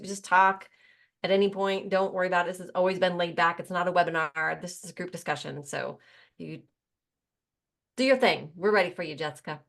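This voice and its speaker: Chatty woman hosting a video call. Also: mid-range voice. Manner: chatty, warm introductions, connects people. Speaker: host. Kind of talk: casual video call chat.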